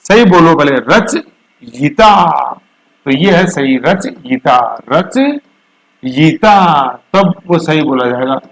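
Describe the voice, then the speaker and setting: In poor-quality audio, a male teacher with a slightly high voice coaches students for an exam on current affairs. He drops English terms into his explanations, draws words out slowly to practice pronunciation and spelling, and adds homely asides for his class.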